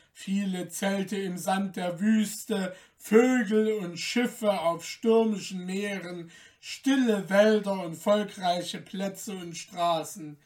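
A woman narrating a fairy tale in a measured, lilting storybook manner, recorded from a distance. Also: mid-range voice, darkish tone.

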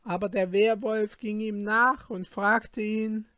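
An audiobook narrator reads an old fairy tale in a slow, measured storytelling voice. The recording is close and dry, with no room sound. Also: medium pitch, fairly even intonation, sharp tone, no room sound.

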